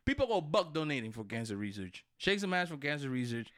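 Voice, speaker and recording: A man's voice: fairly high pitch, big pitch swings, fast talker, a bit bright, no room sound, clean studio sound. A man in a casual, profane chat, ranting insistently in street slang and repeating his phrases.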